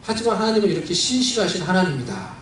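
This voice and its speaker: A man's voice: sits high, animated, fast talker, a bit bright, slight background noise. A male pastor preaching a sermon, telling a personal story in a heartfelt, conversational way with many fillers. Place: church sanctuary. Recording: very echoey church hall, mic at a distance.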